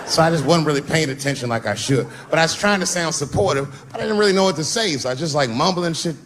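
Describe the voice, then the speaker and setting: A man's voice: on the high side, animated, fast, a bit bright. Stand-up comic man telling a story. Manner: storytelling, acts out quoted voices. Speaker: stand-up comedian. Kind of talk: stand-up comedy set. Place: live venue with laughing audience. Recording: live show, faint background noise, laughter. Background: audience laughter.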